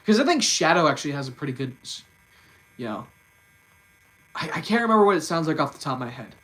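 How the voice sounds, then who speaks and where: A young man hosting a casual live stream, talking fast and often repeating and restarting his words. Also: fairly high pitch, very animated, fairly bright tone, poor audio. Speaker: livestream host.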